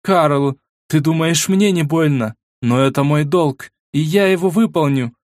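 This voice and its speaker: A man's voice: fairly high pitch, a little slow, a little mellow, dry recording, studio quality, voice pushed up, natural voice. A man voicing a cold, iron-willed middle-aged queen who speaks sternly and with command. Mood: icy resolve.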